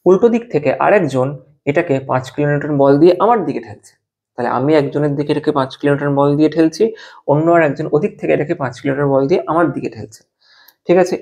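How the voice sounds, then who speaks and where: Gravelly-voiced male teacher lecturing. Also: on the high side, darkish tone. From West Bengal. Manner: explains step by step with frequent check-ins, slows to dictate terms. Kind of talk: classroom lecture.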